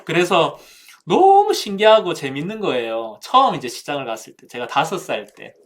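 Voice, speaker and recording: Bible talk speaker, storytelling, lively swings in pitch, vivid sound words, talks to the audience. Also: moderate pace. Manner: addresses listeners directly.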